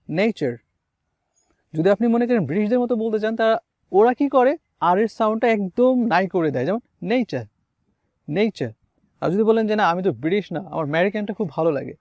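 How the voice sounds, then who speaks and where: A man's voice: high-pitched, darkish tone, no echo, studio quality. A man teaching English pronunciation outdoors beside a garden, coaxing viewers and drilling words by repetition. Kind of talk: pronunciation lesson.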